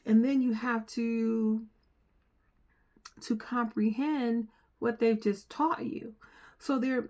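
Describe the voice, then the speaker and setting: A middle-aged American woman, a software trainer, talks earnestly to camera and repeats phrases for emphasis. Her voice is on the high side, and her accent blends New Jersey, New York and North Carolina.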